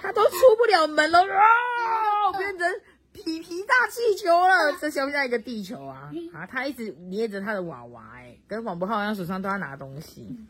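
A woman reading a children's storybook aloud at home to a child, very expressive and stopping to chat with the child. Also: on the high side, a little fast. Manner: expressive, swoops up for excitement, chats with the child.

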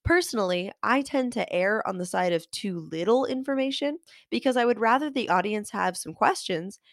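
A woman's voice: medium pitch, expressive, normal speed, dry recording, clean studio sound. A woman with a nasal voice, congested from a cold, hosting a scripted, articulate lesson and explaining things directly to listeners. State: getting over a cold. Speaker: host of a fiction writing show, author. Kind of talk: scripted instructional narration.

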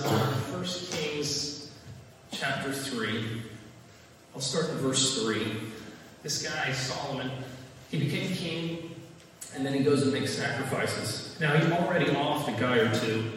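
A man's voice: mid-range voice, a little hiss or hum. A man preaching a sermon in a casual, conversational, joking way. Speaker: pastor. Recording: echoey hall, distant mic.

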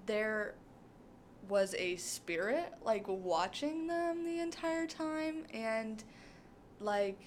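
A woman's voice: on the high side, expressive, extremely slow, a little hiss or hum. A young woman co-hosting a podcast, recapping a show in casual chat, rambling with many fillers. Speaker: podcast co-host.

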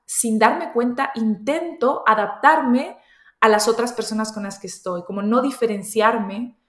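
A woman's voice: on the high side, measured pace, reverberant. A woman in her thirties from Colombia, with an accent that mixes Colombian and Spain Spanish, answering interview questions in a reflective way and often restarting her sentences. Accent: mixed Colombian and Spanish. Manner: reflective, thinks aloud with frequent restarts. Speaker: interview guest. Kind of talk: conversational interview.

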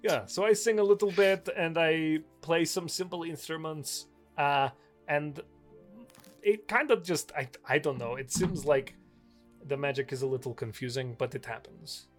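A woman's voice: low voice, moderate pace, soft background music. A woman playing a tabletop game, chatting casually in character in an effusive, jokey way. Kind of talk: casual in-character improvised chat.

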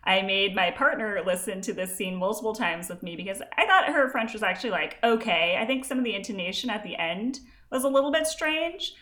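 A woman's voice: medium pitch, expressive, a little fast, hardly any pauses, bright, forceful tone. A woman co-hosting a podcast, chatting casually about a TV episode and laughing often. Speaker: podcast co-host. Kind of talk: casual chat recapping a TV episode.

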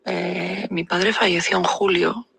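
A woman recounts a personal experience in a phone voice note, halting and full of fillers. Her voice is gravelly and husky. The recording is dry and close. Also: lowish voice, fairly even intonation, fairly bright tone, dry recording, low-quality recording. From Basque Country, Spain. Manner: hesitant, many fillers and pauses. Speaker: caller sending a voice message.

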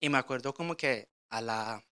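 Halting man with a bright voice. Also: medium pitch, smooth. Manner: halting, with frequent restarts and repeated words. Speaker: guest speaker at a church. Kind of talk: personal testimony sermon.

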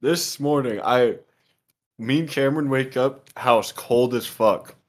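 A young man in his twenties talks in a laid-back, casual way, swearing freely and laughing often. His voice sits at an ordinary middle pitch. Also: measured pace. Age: 20s. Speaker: podcast co-host. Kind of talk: casual chat. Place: home, eating pizza.

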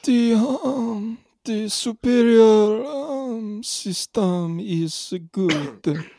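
A man's voice: high-pitched, extremely slow, creaky, mellow, pitched above the performer's own voice, heavily acted. A man voicing a dim, hesitant competitive eater who stumbles over his words. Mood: confused.

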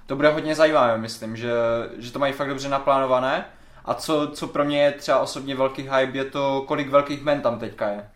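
A Czech man co-hosting a casual film podcast, rambling and getting animated when worked up. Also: mid-range voice. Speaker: podcast co-host. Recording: roomy echo.

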